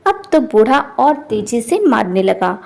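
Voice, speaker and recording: A woman narrates a scripted animated folk tale in a lively, expressive way. Her voice sits high and moves easily between scenes. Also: unhurried, gravelly. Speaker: storyteller.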